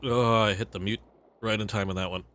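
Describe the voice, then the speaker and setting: Brief: male let's play host, low voice, chatty and joking. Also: steady tone, brisk, a bit bright, slight background noise. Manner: chatty, joking, talks to the game. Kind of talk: casual gameplay commentary.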